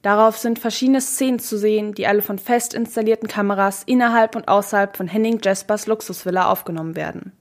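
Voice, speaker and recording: A teenage girl reading a first-person novel excerpt aloud in a plain, even way. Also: medium pitch, fast talker, hardly any pauses. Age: teens.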